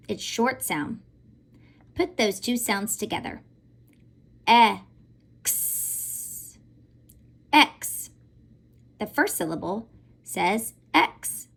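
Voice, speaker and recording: Animated high-voiced teacher woman, slow. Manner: animated, sing-song teacher voice with playful emphasis. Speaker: elementary school teacher. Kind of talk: recorded phonics lesson for children.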